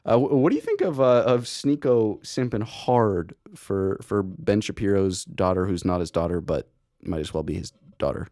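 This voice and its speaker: A man's voice: on the low side, animated, moderate pace, mellow, no room sound, studio quality. A young man hosting a casual podcast chat, rambling and profane, with lots of restarts and laughter. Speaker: podcast host.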